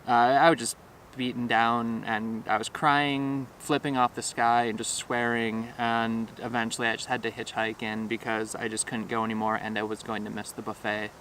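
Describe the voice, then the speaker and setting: An American man from Minnesota, a touring cyclist, telling road stories in a frank, animated way. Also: medium pitch, normal speed, a little hiss or hum. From Minnesota, United States. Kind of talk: interview recollection.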